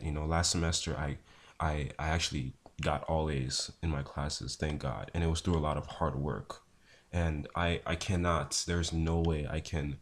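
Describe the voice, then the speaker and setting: A young man talking casually to camera in a low, unhurried, low-energy voice with a husky, just-woken sound. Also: a bit bright. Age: young adult. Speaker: vlogger, pre-med student. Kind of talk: casual talk to camera answering viewer questions.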